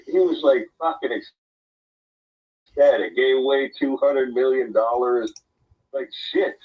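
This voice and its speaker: A man's voice: medium pitch, darkish tone, breathy edge. A man co-hosting a casual talk show, ranting and swearing heavily. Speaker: co-host. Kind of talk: profane casual banter. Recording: distant muffled remote line.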